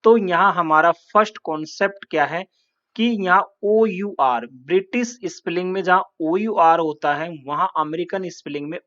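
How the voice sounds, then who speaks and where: A man from India teaching a calm, patient lesson and spelling words out letter by letter. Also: high voice, normal speed, highs cut off. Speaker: English teacher. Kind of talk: classroom lesson.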